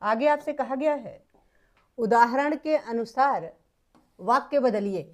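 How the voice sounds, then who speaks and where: A woman's voice: sits high, darkish tone. A woman teacher patiently working through textbook exercises step by step, repeating points for her students. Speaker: Hindi teacher.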